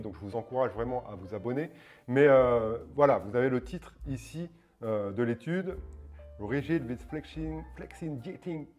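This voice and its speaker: A man's voice: medium pitch, a little mellow. Hesitant man hosting a fitness video. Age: 40s. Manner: hesitant, many fillers and restarts, keeps asking "d'accord?". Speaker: fitness channel host. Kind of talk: casual explanatory video talk.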